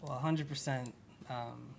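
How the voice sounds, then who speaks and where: A man being interviewed as a guest musician, answering in a laid-back way and trailing off quietly. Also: mid-range voice, steady tone, unhurried, vocal fry, a little hiss or hum.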